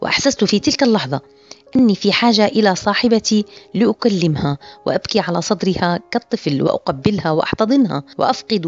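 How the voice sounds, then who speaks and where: A woman reads first-person literary prose at a brisk clip, steady and even. The sound is muffled and lo-fi, with faint music beneath her voice. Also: mid-range voice. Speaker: audiobook narrator. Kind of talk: scripted literary narration.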